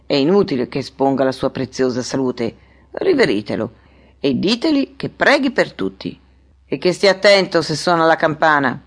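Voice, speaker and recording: Calm, placating mayor, read by a woman narrator, lower and quieter than the rest. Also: normal speed, close to an everyday voice. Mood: conciliatory. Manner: soft-spoken, soothing. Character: conciliatory middle-aged male town mayor.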